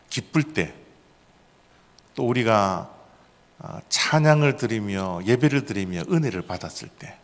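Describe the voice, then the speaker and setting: A male pastor preaching a sermon, animated and putting questions to the congregation. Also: on the low side, long reverb tail. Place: church sanctuary.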